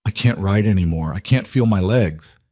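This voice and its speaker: A man's voice: on the low side, moderate pace, mellow, lightly acted. A man voicing an exhausted, frightened young widow, her voice breaking and pleading. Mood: desperate.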